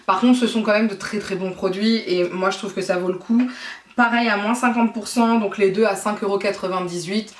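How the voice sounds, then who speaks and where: A woman's voice: mid-range voice, fairly even intonation, a little fast, distant mic. A woman beauty vlogger chatting enthusiastically about her purchases, rambling and correcting herself as she goes. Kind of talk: casual product haul chat. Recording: echoey room, voice away from the mic.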